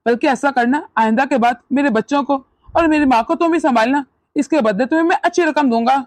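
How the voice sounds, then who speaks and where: A woman's voice: high voice, brisk, no echo, close to an everyday voice. A woman voicing a stern young husband and son in a cartoon who questions and scolds. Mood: worried.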